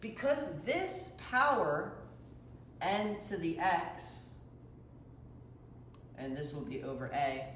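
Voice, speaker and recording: Man, math tutor, casual lesson, chatty, jokey asides, animated pitch, echoey room. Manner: chatty, self-interrupting, playful asides. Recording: roomy echo, faint ambient noise.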